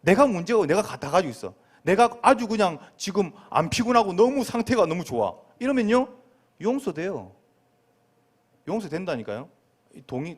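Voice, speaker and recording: A man preaching to children in a high, animated voice, his pitch leaping up and down. He is a middle-aged pastor who keeps firing questions at his young listeners. His way of speaking is playful and expressive. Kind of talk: sermon to a children's group.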